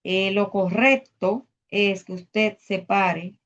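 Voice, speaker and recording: Woman teacher, measured, slightly muffled recording. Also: mid-range voice. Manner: measured, explanatory, with frequent "eh" fillers. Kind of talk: recorded spelling lesson. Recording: dull lo-fi sound.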